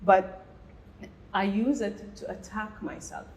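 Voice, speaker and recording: A woman's voice: medium pitch, steady tone, takes it slowly, darkish tone, slight background noise, rough recording. A middle-aged woman from Bahrain, a guest on a podcast interview, telling her story animatedly and acting out her inner dialogue. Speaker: guest entrepreneur.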